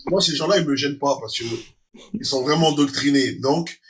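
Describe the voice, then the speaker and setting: A man's voice: a little high, a little fast, noisy background. A man chatting casually on a live stream, often agreeing and repeating short phrases. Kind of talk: casual chat.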